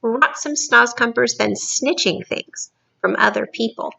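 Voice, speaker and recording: Woman doing a gentle muddle-talking giant. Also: a little high, a little slow, creaky, highs cut off, exaggerated voice. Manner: gentle, jumbled made-up words. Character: big friendly male giant, muddled speech.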